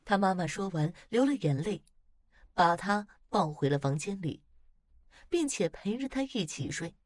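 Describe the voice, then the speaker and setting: A woman tells a ghost story in calm, steady narration. Her voice sits on the low side and is recorded close and dry. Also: unhurried, no echo.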